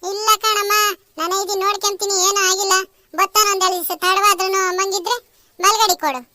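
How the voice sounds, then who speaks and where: Performer doing shrill pleading village woman. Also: fairly even intonation, a little fast, noisy background. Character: pleading rural village women devotees. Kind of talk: cartoon voice acting.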